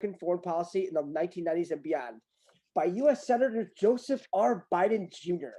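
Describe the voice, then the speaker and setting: A man's voice: high-pitched, fast, mellow, husky. A man in a casual commentary chat who reads aloud from a document, rambling and repeating himself in disbelief. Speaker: guest reading a document aloud.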